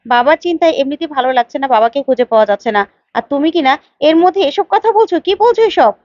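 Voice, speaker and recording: A woman's voice: high voice, animated, racing, darkish tone, no echo, lo-fi sound. A woman voicing a hot-tempered elder sister who scolds sharply. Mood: angry.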